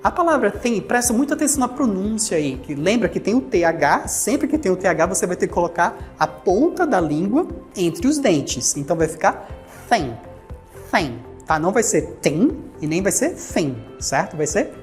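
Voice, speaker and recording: A woman with a Brazilian Portuguese accent teaching an English lesson, patiently explaining and repeating words slowly for pronunciation drills. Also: mid-range voice, sing-song, darkish tone, faint music behind. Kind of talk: recorded language lesson.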